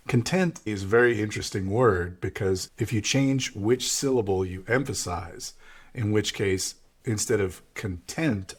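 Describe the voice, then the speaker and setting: A man with an American accent teaching English vocabulary, patiently explaining each word and repeating the key ones. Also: on the low side. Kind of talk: vocabulary lesson.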